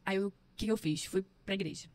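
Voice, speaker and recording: A woman's voice: medium pitch, fast, a little hiss or hum. A woman, a podcast guest telling her story frankly, with a mild stammer that now and then blocks a word. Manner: frank storyteller, reenacts her own past remarks. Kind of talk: casual interview chat. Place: podcast studio.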